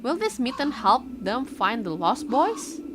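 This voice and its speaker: Reading a visual novel dramatically, a young streamer, a woman whose first language is Indonesian, stops now and then to react excitedly and greet her chat. She speaks on the high side at a measured pace. The background is noisy, with game music underneath.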